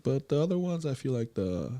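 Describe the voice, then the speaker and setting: A man's voice: mid-range voice, very animated, brisk, mellow. A man co-hosting a casual movie review podcast, who talks bluntly and swears freely. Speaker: podcast co-host.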